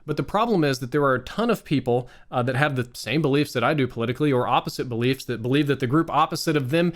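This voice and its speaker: A man's voice: medium pitch, fast talker. An American man giving a candid, exasperated rant to his viewers, swearing freely and stressing words by drawing them out. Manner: profane, exasperated. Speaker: online streamer.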